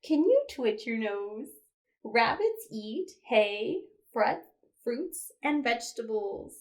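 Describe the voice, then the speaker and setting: Very animated and slow-paced, a fairly high-pitched woman acts as a children's librarian at toddler storytime. She reads aloud in simple language to little ones, with questions and playful animal noises.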